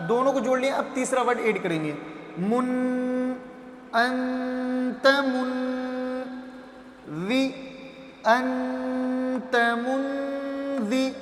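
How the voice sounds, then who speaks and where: A man teaching Quranic letter sounds, stretching each syllable into a slow chant, then hurrying through explanations. He keeps asking what the sound will be and answers himself. His voice carries a long echo in a roomy space with faint noise behind. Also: extremely high pitch, fairly bright tone. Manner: asks and answers his own questions. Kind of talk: Quran primer lesson.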